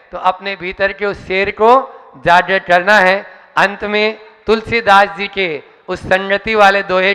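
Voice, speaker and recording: Man preaching loud and rousing, smooth clear voice. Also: high voice. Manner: rousing, declamatory, recites verse. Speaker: monk introducing the main speaker. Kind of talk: devotional sermon. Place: large hall, preaching from a stage. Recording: long hall reverb.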